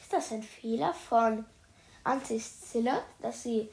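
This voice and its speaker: A woman reads a children's story aloud and keeps breaking off to chat with her viewers in slangy, playful asides. Her voice sits a bit high with a gravelly edge. The room adds a noticeable echo. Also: a little slow, a little mellow. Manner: chatty, addresses viewers as "Leute", youthful slang. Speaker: streamer reading a book aloud. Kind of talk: casual reading aloud with chatty commentary. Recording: roomy echo.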